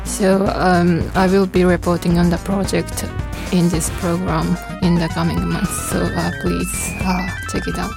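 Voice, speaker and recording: A woman's voice: lowish voice, level tone, a little slow, vocal fry, music in the background. A woman giving a spoken report on a radio program.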